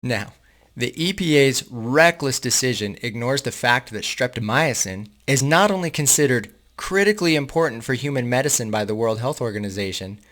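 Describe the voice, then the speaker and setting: A man reads an article aloud in a medium-pitched voice. He keeps stopping to talk straight to his viewers in a loose, casual way. His asides come out sarcastic and indignant. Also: fairly bright tone. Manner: casual, addresses viewers as guys. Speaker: host reading and commenting on an article. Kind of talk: casual commentary while reading aloud.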